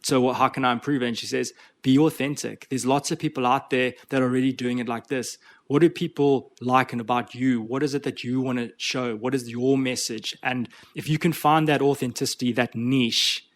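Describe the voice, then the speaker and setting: An earnest man talking as a guest on a podcast interview, sharing coaching ideas. His voice sits at a middle pitch, and he speaks in a motivational tone, often repeating a word as he searches for the next one. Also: fairly even intonation, brisk, few pauses. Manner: earnest, motivational, repeats words while thinking. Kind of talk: conversational interview.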